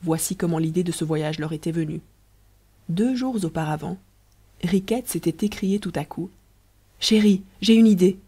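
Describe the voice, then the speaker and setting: An audiobook narrator reading a story aloud in a measured, wry storytelling manner. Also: mid-range voice, mellow, husky.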